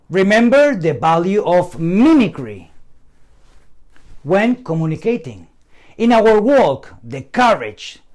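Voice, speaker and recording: A man giving a scripted training lecture on communication, working through numbered points deliberately with pauses. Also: high voice.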